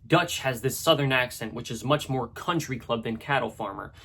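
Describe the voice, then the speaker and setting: A man with a husky voice narrating a scripted video essay in a conversational, analytical way, with casual asides. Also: mid-range voice, moderate pace, pushed and bright, slight background noise.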